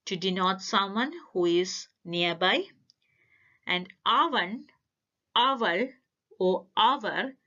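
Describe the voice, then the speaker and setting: A woman giving a language lesson, explaining grammar step by step with careful, deliberate phrasing. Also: medium pitch, fairly bright tone, highs cut off. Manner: careful, deliberate word-by-word delivery. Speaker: language teacher. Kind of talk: slow instructional explanation.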